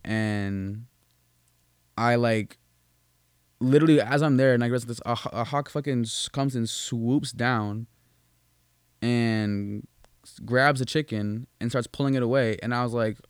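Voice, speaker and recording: Young guy on a podcast, rambly and cussing a lot, mid pitch, dry close sound. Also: a little slow, long pauses, clear, resonant tone, dry recording. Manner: rambling, profane, many restarts and fillers. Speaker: podcast co-host. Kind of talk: casual chat.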